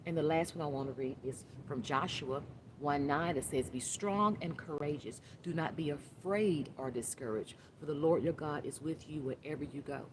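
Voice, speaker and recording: A woman's voice: low voice, moderate pace. A woman in her fifties gives a casual, rambling inspirational talk as a life coach, with asides and restarts, speaking outdoors in the wind. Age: 50s. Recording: noisy outdoor recording with wind.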